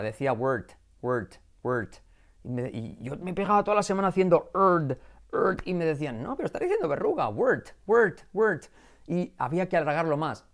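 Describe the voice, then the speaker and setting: Animated Spanish teacher from Spain. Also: male voice, fairly high pitch. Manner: animated, repeats English words many times to drill them. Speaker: English teacher. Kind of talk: online English pronunciation lesson.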